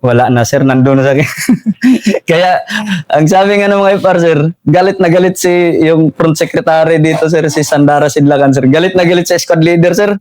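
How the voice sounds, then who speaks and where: A man's voice: on the high side, a little fast, a little mellow. A young man with a Filipino accent telling his war story in a casual interview, ending nearly every phrase with "sir" and chuckling often.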